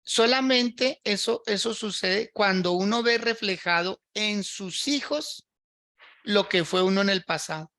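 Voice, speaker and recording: A pastor preaching a livestreamed sermon, his voice gravelly and edged with brightness. He walks through scripture, circles back over his own phrases, and keeps asking listeners "right?". The sound is dry and close, with no room around him. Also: sits high, unhurried, no room sound. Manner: repeats phrases while working through a scripture passage.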